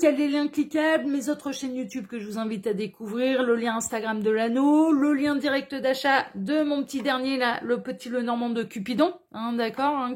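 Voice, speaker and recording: A woman hosting a casual tarot reading to camera, chatty and full of hesitant fillers and tag questions. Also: on the high side. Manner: chatty, sprinkles "hein, d'accord" tag questions. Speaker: tarot card reader and channel host.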